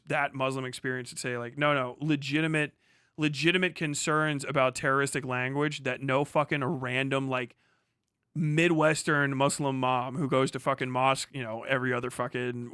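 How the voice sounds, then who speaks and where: Casually reacting to his chat, an American livestream host reads messages and responds with rambling, slang, and profanity. His mid-range voice sounds pushed and bright with a clean tone, recorded at studio quality with no echo.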